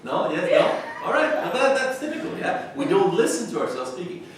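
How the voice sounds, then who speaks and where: Man, workshop leader, lively rising and falling pitch, far off, echoey noisy room. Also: a crowd in the background. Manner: presses with quick repeated questions. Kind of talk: Socratic workshop questioning.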